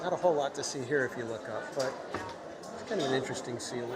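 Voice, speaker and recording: Amid the loud crowd of a busy theme park's ice cream shop, a live stream host chats casually with his viewers along the way. He speaks quickly, at a medium pitch.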